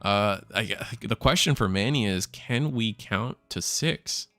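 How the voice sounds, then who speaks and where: A man casting a card game tournament live, thinking out loud and correcting himself as he talks. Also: fairly low pitch, takes it slowly, dry recording, faint music behind. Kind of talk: live play-by-play commentary.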